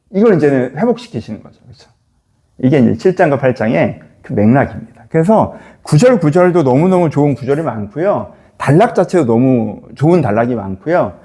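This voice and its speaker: A man's voice: mid-range voice, warm tone. A male pastor teaching a Bible reading in a casual, conversational way, often turning to listeners with rhetorical questions.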